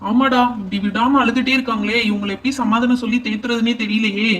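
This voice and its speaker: A helpful, chatty young boy in a doll play rattles along, as a man voices him. The voice is very high and quick, recorded a little far off the mic, with a reassuring, friendly manner. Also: fairly even intonation, a bit bright. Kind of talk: doll pretend-play voice acting.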